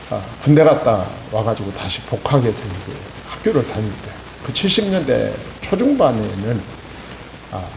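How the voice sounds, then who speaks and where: With a creaky, slightly mellow voice on the low side, a Chungcheong-accented pastor in his sixties gives an evening sermon. He tells it like a folksy story, often adding affirming interjections, and the echoey church hall carries faint hiss.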